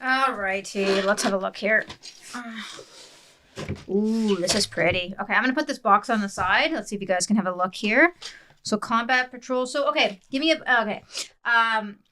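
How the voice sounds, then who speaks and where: An excitable woman talks fast and bubbly, in a casual home unboxing chat. She keeps an easy mid-pitched tone and restarts her sentences often. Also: noisy background. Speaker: co-host, new hobby player. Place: home tabletop setup.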